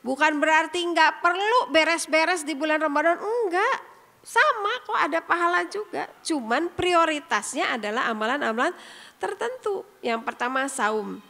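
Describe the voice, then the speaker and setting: Woman preacher, high and bright voice, emphatic rhetorical questions, echoey hall with long reverb. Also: expressive, normal speed, vocal fry. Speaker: religious teacher. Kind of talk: sermon to women's study group.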